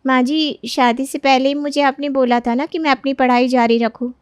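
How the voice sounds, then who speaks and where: A respectful, studious young daughter-in-law, voiced by a woman in an animated story. She speaks politely in a slightly raised voice, recorded dry and close. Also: high-pitched, moderate pace, smooth, no room sound, pitched above the performer's own voice, lightly acted. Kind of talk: animated cartoon voicing.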